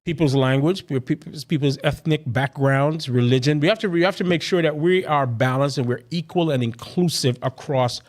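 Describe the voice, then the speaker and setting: A man's voice: on the high side, normal speed, hardly any pauses. A man from Guyana raised in Brooklyn, a city council member talking earnestly in an interview and often tagging "right?". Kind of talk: casual interview talk.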